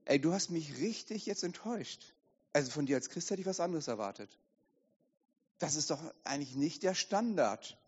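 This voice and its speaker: A man doing a hushed, sly tempter voice. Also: sing-song, measured pace, husky, full character voice. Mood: scolding. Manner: coaxing, then scolding, hushed and low. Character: sly whispering male tempter voice, devil. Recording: echoey hall, dull sound.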